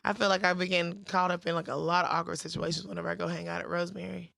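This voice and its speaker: Fast, gravelly-voiced bartender woman. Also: on the low side, flat delivery, a bit bright, no room sound, studio quality. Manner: laid-back, swearing, drawn-out storytelling. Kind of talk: casual podcast chat.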